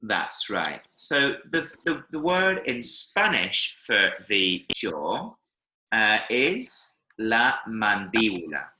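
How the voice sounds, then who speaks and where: A man's voice: mid-range voice, big pitch swings, extremely slow, pushed and bright, reverberant. Patient man teaching over a video call. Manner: patient, checks understanding often with "yeah?" and "right?". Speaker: Spanish teacher. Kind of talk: online one-to-one language lesson.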